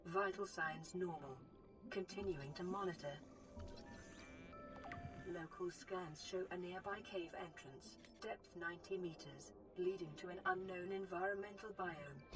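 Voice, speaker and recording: A gentle care robot speaks in a lowish, calm voice, voiced by a woman, reporting on its user in soft, clinical announcements. It sounds like a game's built-in suit computer. Loud game music plays under it. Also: unhurried, natural voice. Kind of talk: game voice-over.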